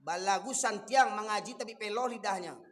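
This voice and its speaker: A man with a Minangkabau accent preaching a sermon, fiery and emphatic, often surging to loud peaks. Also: high voice, moderate pace. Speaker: Islamic preacher. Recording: long echoey hall reverb.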